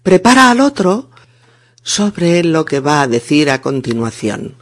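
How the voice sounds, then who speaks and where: A man with a Spain Spanish accent teaches a language lesson, deliberately explaining colloquial words and splitting them into syllables for students to repeat. His voice is a little high, fairly bright, and very animated.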